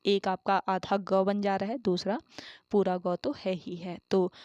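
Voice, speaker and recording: Female online tutor, mid pitch, deliberate explainer, dead-dry room. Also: little pitch movement, darkish tone, no room sound, muffled recording. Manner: asks questions then answers them herself; repeats key terms for emphasis. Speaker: Hindi exam tutor. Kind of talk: online exam-prep lesson.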